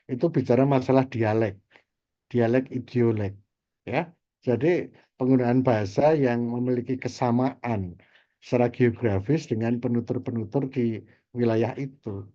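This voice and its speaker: Guy lecturing his class over a video call, mellow voice, kinda muffled, keeps repeating key words. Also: medium pitch, unhurried. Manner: explanatory, repeats key terms with "gitu ya".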